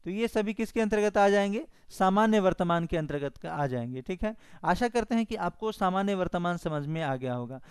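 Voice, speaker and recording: Slow, clear Hindi grammar teacher, man. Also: high voice, expressive, no room sound, clean studio sound. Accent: Bihari Hindi. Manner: slow, repetitive dictation of definitions. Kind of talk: online exam-prep lesson.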